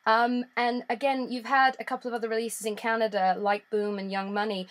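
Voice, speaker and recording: A woman presenting and hosting a showbiz interview in a lively, presenter-style delivery. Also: fairly high pitch, brisk.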